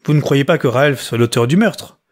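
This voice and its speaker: A man's voice: mid-range voice, moderate pace, lightly acted. A man doing a headstrong young woman. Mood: shocked. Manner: firm, decided.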